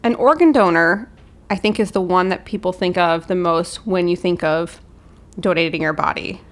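A woman's voice: fairly low pitch, normal speed. A woman co-hosting a podcast, explaining things in an informal, conversational way. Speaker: podcast co-host. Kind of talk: casual explanatory chat.

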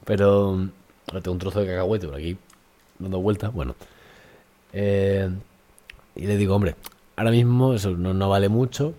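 A man's voice: deep voice, normal speed, pauses often, dark tone. A man from Extremadura with a light Extremaduran Spanish accent, co-hosting a podcast in casual chat and telling stories with acted-out dialogue. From Extremadura, Spain. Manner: storytelling, acting out dialogue with laughs. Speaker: podcast co-host.

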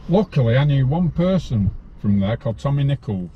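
A man's voice: mid-range voice, very animated, a little fast, lo-fi sound, a little hiss or hum. A man, telling his life story bluntly as an interview guest. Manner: rambling, blunt, laughs while telling.

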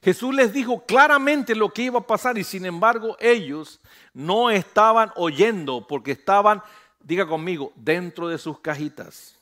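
A man's voice: high-pitched, lively intonation, moderate pace, bright, forceful tone. A middle-aged man, a pastor preaching a sermon, calling on the congregation to repeat after him and rising to emphatic peaks.

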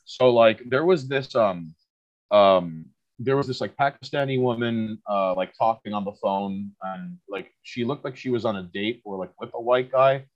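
A man's voice: on the low side, normal speed. A man in his thirties from Queens, a podcast guest in casual chat, rambling and swearing with many stammered restarts. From Queens, New York. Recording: slightly dull lo-fi audio.

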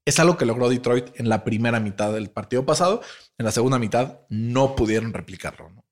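A man with a Mexican accent, co-hosting a casual sports podcast, slangy and animated with many fillers. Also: mid-range voice, fairly quick. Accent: Mexican Spanish. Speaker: podcast co-host.

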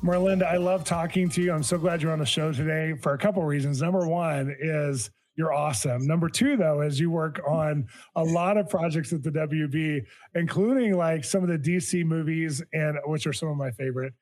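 A man hosting a faith podcast, talking with excitement and gushing praise about his guest. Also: a little high, fairly quick, few pauses, faint music behind. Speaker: podcast host. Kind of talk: enthusiastic interview and intro.

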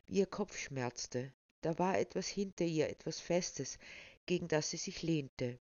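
A woman introduces a novel and reads from it with measured, expressive storytelling. Her voice is low. The recording is dry and a bit dull. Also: no echo. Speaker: book presenter and reader. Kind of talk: book presentation and reading. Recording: slightly dull, dry sound.

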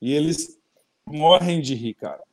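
A man with a Brazilian Portuguese accent hosting a casual interview, lively and laughing, talking straight to viewers. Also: on the high side, measured pace. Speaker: interview host.

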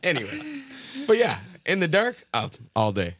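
A man's voice: a little high, huge pitch swings, normal speed, a bit bright, no room sound, clean studio sound. A man co-hosting a podcast in casual chat, joking and telling rambling stories with frequent laughter. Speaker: podcast co-host.

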